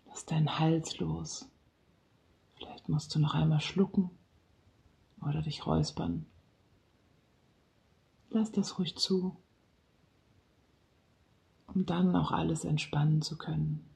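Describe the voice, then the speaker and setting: Slow, soft-spoken relaxation guide. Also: mid-range voice, steady tone, creaky.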